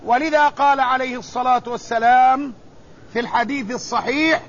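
A male preacher delivering a religious sermon in a slow, measured way, with solemn repetition. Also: very high voice, fairly even intonation. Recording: dull lo-fi recording with faint noise.

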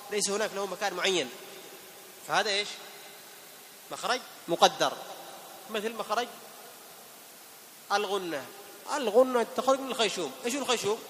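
High-voiced man teaching Quran recitation. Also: sharp tone, big-room sound, a little hiss or hum. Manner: patient, questioning students, demonstrating words slowly. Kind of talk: tajweed lesson to a class.

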